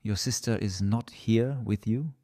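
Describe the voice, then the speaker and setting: A man's voice: on the low side, measured pace, mellow. A man with a Russian accent voicing an agitated, self-loathing, brooding man in an audiobook, in exclamatory, hesitant self-talk. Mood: uneasy, feigned casual.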